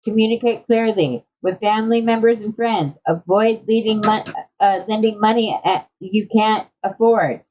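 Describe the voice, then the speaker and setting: A woman reading tarot cards for her viewers in a casual, conversational way, often checking in with a quick "okay?". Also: mid-range voice, steady tone, a little hiss or hum. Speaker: tarot card reader. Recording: dull lo-fi audio.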